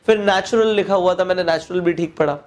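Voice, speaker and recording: A man with a Hindi accent giving a spoken English lesson, explaining step by step and reading English phrases slowly aloud. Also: high voice. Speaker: English teacher.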